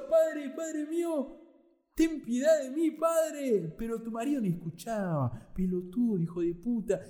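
Comic podcast bit: a taunting Argentine-accented devil, high, brash, echoing. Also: male voice. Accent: Argentine Spanish, put on. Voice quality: high, loud, sneering. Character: mocking Satan with Argentine slang, male.

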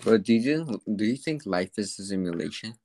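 A man's voice: on the low side, animated, normal speed, a little mellow, a little hiss or hum. A drunk nineteen-year-old man chatting on a call with a friend, slangy, tacking "bro" onto lines and restarting his sentences. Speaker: caller, friend. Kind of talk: casual chat on a call.

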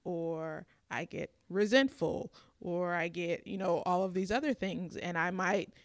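A woman chatting earnestly on a podcast, thinking things through out loud. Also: lowish voice, a little slow, no room sound, clean studio sound. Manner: thoughtful, earnest, reflective. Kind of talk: casual chat.

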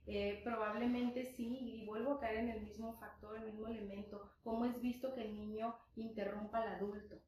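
A woman's voice: fairly high pitch, flat delivery, moderate pace, few pauses, a little mellow. A woman psychologist, explaining patiently in an interview and often ending on a tag question. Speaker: psychologist guest. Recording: very echoey room with faint noise.

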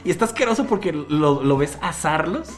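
A man's voice: on the high side, animated, brisk, faint music behind. A man co-hosting a podcast, chatting casually and laughing often as he retells a story. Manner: laughs often, trails off and restarts. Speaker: podcast co-host. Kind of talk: casual chat recapping an anime.

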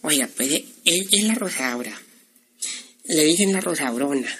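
An actor with a Central American accent playing a warlock's cheeky, gossipy assistant, colloquial and emphatic. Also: male voice, on the high side, animated, unhurried, fairly bright tone, husky, full character voice. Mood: gossipy, insistent. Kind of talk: comic audio storytelling sketch.

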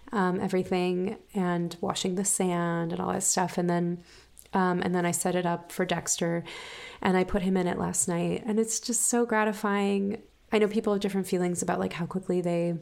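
A woman chatting casually about her own life in a halting, thinking-aloud way, with mouse clicks behind her. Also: on the low side, vocal fry, darkish tone. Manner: halting, thinking aloud with frequent "like" and trailing restarts. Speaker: hamster owner and podcast or vlog host. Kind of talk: casual personal chat, rambling.

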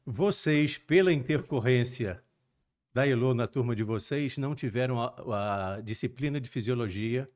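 An older cardiologist, a guest on a relaxed storytelling interview, recounts his life in a measured, detailed, professorial manner. His voice sits in the mid-range with a darkish tone, and his Brazilian Portuguese accent blends Minas Gerais and Rio de Janeiro.

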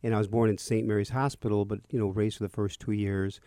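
Older male priest-host for a talk radio slot: dark, mellow tone, dry close sound, chatty and friendly. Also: on the low side, little pitch movement, quick pace, no room sound. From Chicago area. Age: 60s. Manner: chatty, reminiscing.

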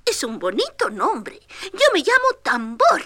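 A woman voicing a lively, cheeky young male rabbit in a storybook record. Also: high-pitched, measured pace, dry recording, voice pushed up, full character voice. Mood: playful. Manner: chirpy and eager.

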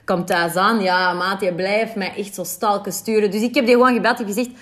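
A woman's voice: medium pitch, fairly even intonation, fairly quick. A Flemish woman in her thirties from Belgium, chatting animatedly to her viewers in a casual storytime, with asides to them. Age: 30s. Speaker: vlogger telling a dating story.

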